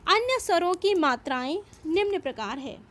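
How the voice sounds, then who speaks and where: A woman's voice: extremely high pitch, expressive, moderate pace, a bit bright. A woman teacher giving a patient, step-by-step grammar lesson, explaining and repeating each point. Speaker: school teacher. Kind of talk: slow classroom grammar lesson.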